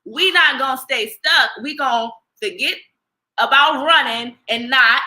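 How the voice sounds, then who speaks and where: Bright, high-voiced woman urging on listeners. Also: a little slow. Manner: energetic, encouraging, preacher-like urging. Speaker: podcast co-host. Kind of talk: casual motivational chat.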